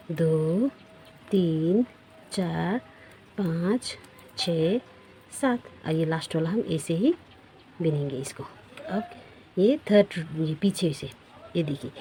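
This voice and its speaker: Slow, low-voiced woman counting stitches. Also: mellow, slight background noise. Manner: slow, counts stitches aloud, repeats "look here". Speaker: knitting teacher. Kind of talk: step-by-step craft tutorial.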